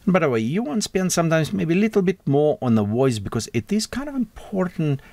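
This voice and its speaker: A man walks through a software tutorial in a casual, halting way, his non-native English full of restarts. His pitch moves in an animated way, and the recording is dry and close. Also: dry recording. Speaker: tech tutorial host.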